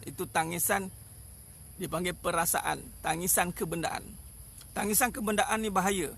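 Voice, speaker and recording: Emphatic Malaysian preacher, high gravelly voice. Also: male voice, fairly bright tone, slight background noise. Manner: emphatic, repetitive, rhetorical questions. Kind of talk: sermon. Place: outdoors in the sun.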